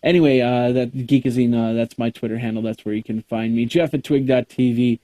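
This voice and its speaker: A man's voice: mid-range voice, flat delivery, fairly quick, warm tone, dry recording. A man hosting a tech podcast, wrapping up the show in casual, rambling, jokey chat full of fillers. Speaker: podcast host.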